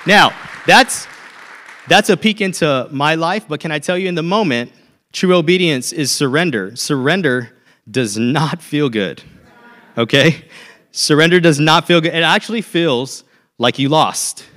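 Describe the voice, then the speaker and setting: Conversational pastor, higher-pitched man. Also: animated, measured pace, a bit bright, a faint crowd. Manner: conversational, storytelling, frequent "okay?" check-ins. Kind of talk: sermon.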